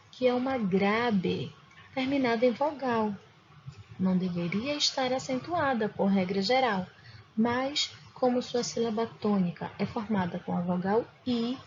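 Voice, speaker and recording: Slow, careful woman teaching grammar. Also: a little high, a little mellow. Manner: slow, careful explanation with spelled-out examples. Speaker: Spanish teacher. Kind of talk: recorded grammar lesson. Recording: dull lo-fi recording with faint noise.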